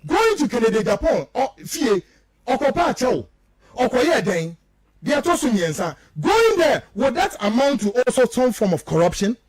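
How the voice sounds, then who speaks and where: A radio talk show host with a Ghanaian accent delivers impassioned political commentary in a very high, sing-song voice at a moderate pace. He is emphatic and repetitive, firing off rhetorical questions.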